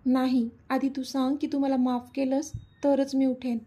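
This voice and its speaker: Storybook best friend, insistent and emotional, read by a woman; husky, mellow voice. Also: high-pitched, flat delivery, unhurried. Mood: pleading. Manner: pleading, insistent.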